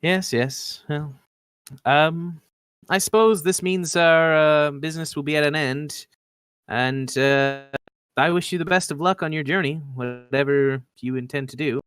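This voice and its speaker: A game master voicing a worldly male ship captain who asks measured, probing questions. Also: a little high, fairly bright tone, smooth, no echo. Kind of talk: tabletop role-play.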